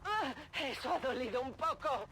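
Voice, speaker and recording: A woman voicing a crisp, obedient soldier in a strategy video game, giving clipped military acknowledgements over game music. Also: sits high, animated, brisk, bright, forceful tone, slight background noise. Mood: tense. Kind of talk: video game unit voice lines.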